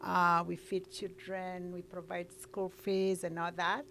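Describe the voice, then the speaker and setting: Kenyan lady, middle aged, low gravelly voice, earnest interview storytelling, bit of hum behind. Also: little pitch movement, takes it slowly, a bit bright. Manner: earnest storytelling, with frequent uhs. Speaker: guest.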